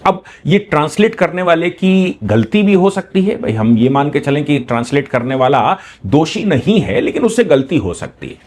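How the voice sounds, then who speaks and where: A man, a law teacher giving an animated lecture and acting out examples with shifting emphasis. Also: fairly high pitch, moderate pace, hardly any pauses. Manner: animated explaining, acts out examples with changing emphasis. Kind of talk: lecture on a legal news topic.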